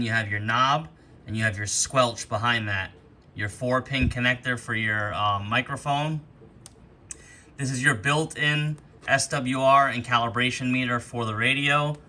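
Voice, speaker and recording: Rain patters outside the attic as a man casually walks viewers through his radio gear, explaining things informally and hands-on. He speaks at medium pitch with a sharp tone, and the rainy ambience is audible as background noise.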